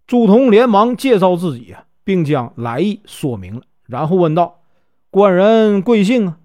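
A man's voice: high voice, animated, normal speed, a little mellow, no room sound, studio quality. A man with a Northeastern Mandarin accent telling a classic tale in a folksy, casual way, with many small fillers. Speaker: storyteller. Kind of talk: casual storytelling narration.

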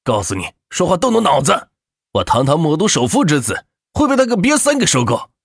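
A man voicing an arrogant, hot-tempered young heir to a fortune who shouts scornful insults in an audiobook. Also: a little high, huge pitch swings, a little fast, vocal fry, breathy edge, no room sound, clean studio sound, voice pushed up, heavily acted. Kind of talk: audiobook character voice.

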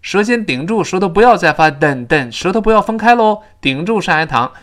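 Lively, animated male teacher in middle age; spells out sounds and drills them slowly for learners. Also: high voice. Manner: lively, slows down to model pronunciation. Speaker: English teacher. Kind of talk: spoken English lesson.

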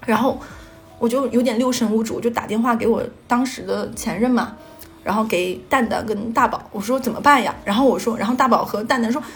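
A woman's voice: on the high side, a little fast, soft background music. A young woman from Northeast China, telling a personal story in a rambling way and stringing thoughts together with "and then". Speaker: podcast storyteller.

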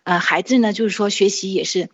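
Husky-voiced woman giving earnest testimony. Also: medium pitch, steady tone, a little fast, highs cut off. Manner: earnest, with frequent hesitations and restarts. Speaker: parent sharing a testimonial. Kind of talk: personal testimony, casual monologue.

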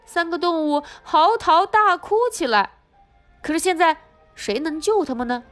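Woman narrating kids' picture book, high lively voice, soft music behind. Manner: expressive, slow, animated storytelling. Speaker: storyteller. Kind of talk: children's picture-book reading.

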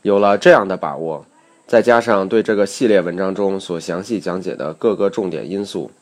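A man with a very low voice narrates a scripted pronunciation lesson. He explains each point in a measured way and reads example sentences aloud. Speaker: English pronunciation teacher.

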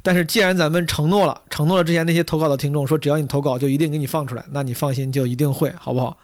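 Male, podcast host, gravelly hoarse voice, slightly high pitch, casual monologue, dry close sound. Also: steady tone, very fast, darkish tone, dry recording. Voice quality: gravelly, husky. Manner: chatty, addresses listeners directly. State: hoarse, tired voice from hours of talking.

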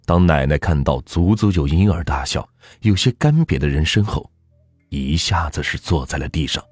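A man narrating a folk ghost story in a measured, steady storytelling manner. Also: extremely low pitch, slightly rough, no echo, clean studio sound.

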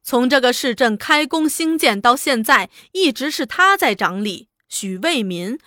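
A woman narrating a serialized novel in an expressive, lively storytelling manner. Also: high voice, a little slow, dry recording, clean studio sound. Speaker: audiobook narrator.

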